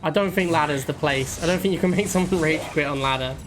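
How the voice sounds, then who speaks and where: A man's voice: fairly high pitch, quick pace, a bit bright, faint music behind. A man giving casual live commentary as he streams a game, musing and repeating himself in a conversational way.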